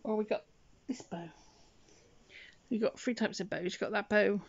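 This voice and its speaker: A woman's voice: mid-range voice, fairly even intonation, normal speed. A woman with heavy, audible breathing, rambling casually and murmuring to herself as she works with her hands. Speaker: hobbyist doll vlogger. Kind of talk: casual rambling chat while dressing a doll. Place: indoors at home, hands-on beside a bed. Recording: slightly dull lo-fi phone sound.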